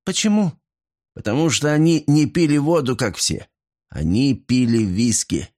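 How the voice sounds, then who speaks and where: A man's voice: medium pitch, expressive, measured pace, darkish tone, voice pushed up, natural voice. An older bearded regular holds court at the bar, grumbling and bragging between sips of whisky. His voice rises and falls a lot, as a man reads the part. Nothing in it sounds like a put-on old-man voice. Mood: boastful. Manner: grumbling, boastful.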